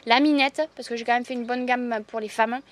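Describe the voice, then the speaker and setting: A slightly high-pitched woman with a southwestern French accent from the Landes, talking about her craft in a relaxed interview. She speaks in a chatty, enthusiastic way, with frequent laughs and casual fillers. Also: brisk. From Landes, southwest France. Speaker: herbalist.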